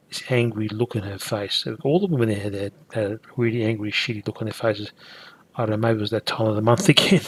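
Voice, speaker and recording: A man's voice: on the low side, no echo. A man giving a blunt, repetitive, ranting vlog monologue. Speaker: vlogger. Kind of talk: casual monologue.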